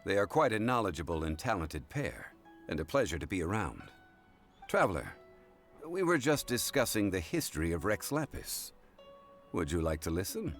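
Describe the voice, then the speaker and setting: An actor playing a calm, scholarly gentleman in a video game, speaking with measured, formal politeness. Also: low voice. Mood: calm, courteous. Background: music.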